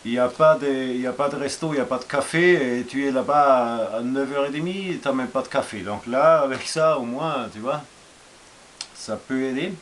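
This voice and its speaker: A man's voice: mid-range voice, normal speed, slight background noise. A man from Austria with an Austrian German accent, speaking French casually and hesitantly in a survival gear vlog, with many fillers and restarts. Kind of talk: casual show-and-tell vlog.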